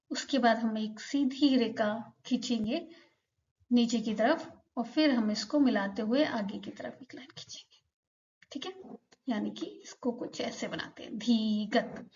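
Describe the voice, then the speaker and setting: धीरे बोलने वाली महिला शिक्षिका, धीमी आवाज़. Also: female voice, on the high side, muffled recording. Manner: patient, repeats each sound slowly for learners. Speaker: Korean language teacher. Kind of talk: slow explanatory lesson.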